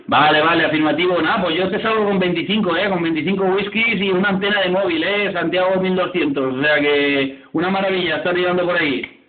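A man's voice: high-pitched, steady tone, fairly quick. A man from the province of Alicante chatting as a CB radio operator over the radio. He is friendly, repeats his words and keeps adding "eh?" and "no?". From province of Alicante, Spain. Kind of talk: casual radio contact chat. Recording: tinny CB radio with echo and loud static.

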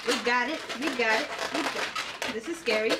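A young woman vlogging casually in a hotel room, excitable and giggly, with a lot of noise behind her. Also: a little high, a little fast. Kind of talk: casual chat. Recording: loud background noise.

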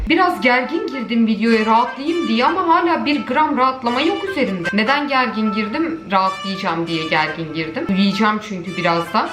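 A young woman chatting casually as she reacts to videos, exclaiming and complaining. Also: on the high side. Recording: echoey room with music behind.

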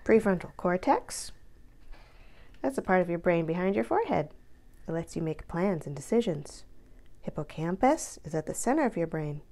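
A counselor reads a children's picture book aloud as expressive narration, her intonation very lively. Her voice sits a little low with a gravelly creak. She takes her time and stretches important words for emphasis.

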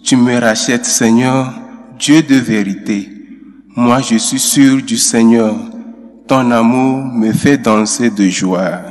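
A male lector with an even, mid-range voice reads scripture passages at a slow, deliberate pace. Long church reverb trails each phrase. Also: medium pitch. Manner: slow, measured reading. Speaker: lector and psalm cantor. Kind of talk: scripture reading.

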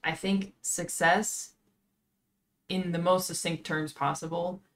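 Speaking slowly in a fairly low, even voice, a woman in her twenties hosts a podcast from a home streaming room on a desk mic. She chats casually and thinks aloud in an earnest way.

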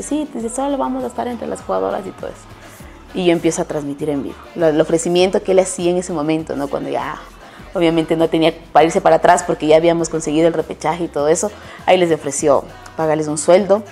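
Ecuadorian woman, sports journalist, low gravelly voice, chatty interviewee, faint music behind. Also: dark tone. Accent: Ecuadorian Spanish. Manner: chatty, with frequent restarts and self-corrections. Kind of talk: casual interview answers and storytelling.

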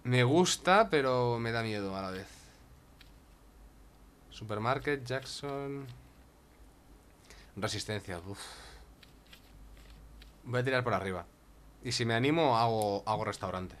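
A man's voice: mid-range voice, expressive, slow pace, pauses often, fairly bright tone. A man with a Spain Spanish accent giving casual gameplay commentary, chatty and talking to himself and his cat. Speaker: gaming YouTuber.

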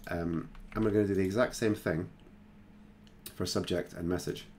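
A man hosting a screen-recorded software tutorial, talking casually and thinking aloud with plenty of fillers. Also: deep voice, steady tone, normal speed, slight background noise. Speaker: tutorial host.

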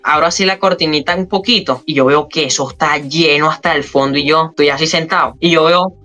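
A man talks through his story in a casual interview. His voice sits fairly high and rings bright and sharp. He slips into other people's lines as he retells each scene. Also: a little fast, faint music behind. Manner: animated, retells scenes with quoted dialogue. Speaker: freestyle rapper guest.

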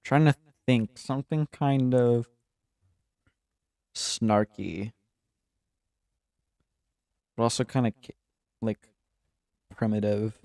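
Young man, gaming commentary, unhurried, dry home mic, chatty. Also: medium pitch, vocal fry, mellow, no room sound. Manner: chatty, laughing, self-mocking. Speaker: gaming channel host. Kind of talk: casual game commentary.

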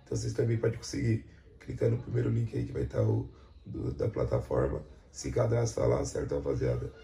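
A man's voice: extremely low pitch, very animated, a little fast, creaky, warm tone. A man from Brazil hosting a casual vlog chat, slangy and plugging a sponsor link, tagging lines with "certo, rapaziada?". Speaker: host.

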